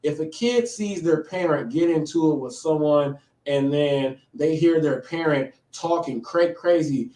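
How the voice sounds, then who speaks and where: Recorded a little far from the microphone in an echoey room, a man in his late thirties gives rambling live commentary as a host, often tossing in "okay?". His fairly high voice has a dark tone, and he keeps a measured pace with hardly any pauses.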